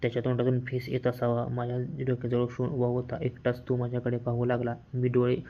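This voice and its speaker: A man reads a novel aloud as the first-person narrator, keeping a steady, even storytelling pace. His pitch barely moves, so the delivery sounds almost monotone. The recording is dull and slightly lo-fi. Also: fast, slight background noise. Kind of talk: audiobook reading of a novel.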